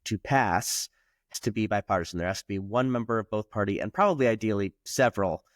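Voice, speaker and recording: A man's voice: on the low side, animated, fast, no echo, studio quality. A man co-hosting a casual political podcast, chatty and full of "you know" fillers. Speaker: podcast co-host and state lawmaker.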